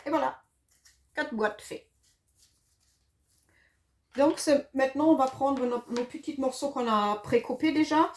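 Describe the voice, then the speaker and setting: Her voice sits high and she takes her time, leaving long pauses, with slight background noise behind her. This middle-aged German woman, accented and hesitant, demonstrates a paper craft casually, with many fillers and self-corrections.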